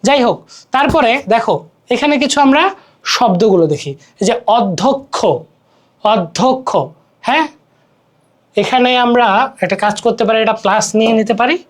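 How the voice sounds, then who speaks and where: A man's voice: very high voice, brisk, long pauses. Young bangladeshi guy tutor going through grammar rules, repeats every example, keeps asking "got it?". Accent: Bangladeshi Bengali. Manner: explains step by step, repeating words and asking checking questions. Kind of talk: exam-prep grammar lesson.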